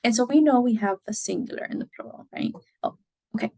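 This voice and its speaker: Gravelly-voiced woman teaching Spanish grammar. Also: on the high side, warm tone, no echo, rough recording. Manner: slow, careful model sentences, frequent "right?" checks. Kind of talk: explaining grammar.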